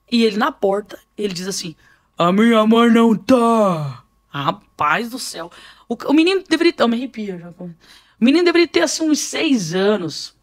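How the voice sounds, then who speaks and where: A woman, a podcast guest telling a spiritual testimony and acting out the scenes she describes. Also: a little high. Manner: vivid storyteller, acts out scenes.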